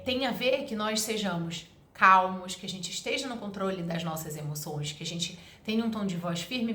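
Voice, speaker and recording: A woman's voice: medium pitch, a bit bright. A woman, giving parenting advice in an earnest, emphatic monologue that explains things step by step. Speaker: parenting educator. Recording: roomy echo.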